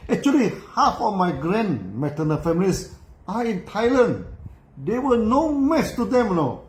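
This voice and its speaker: An older man with a Malaysian accent, telling the story of his company in a casual talk, dropping "no" and "you know" and chuckling as he goes. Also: high voice. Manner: tag questions, frequent "no" and "you know", chuckling while telling. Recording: roomy echo.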